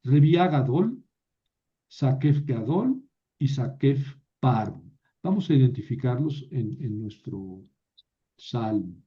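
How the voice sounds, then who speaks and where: Slow, patient man teaching. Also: medium pitch, lively intonation, highs cut off. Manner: patient, explaining step by step with many "eh" fillers; stumbles and restarts words mid-sentence. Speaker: Biblical Hebrew teacher. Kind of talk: recorded online lesson.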